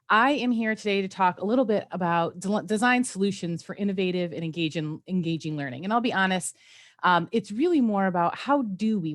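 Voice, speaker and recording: A woman giving a friendly, enthusiastic conference presentation on a video call. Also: medium pitch.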